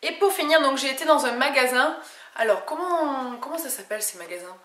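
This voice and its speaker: In an echoey home room with faint noise, a beauty vlogger from France talks casually through her haul, frequently pausing and starting sentences over. She sounds high-pitched, animated and fairly bright, and she speaks briskly.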